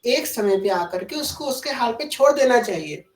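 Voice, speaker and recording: A woman's voice: a little high, lively intonation, distant mic. A woman giving a devotional discourse to a gathering, drawing out the verses she recites and putting questions straight to her listeners. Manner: slow, drawn-out recitation of verses, then plain explaining; addresses listeners directly with questions. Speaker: spiritual discourse speaker. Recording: echoey room.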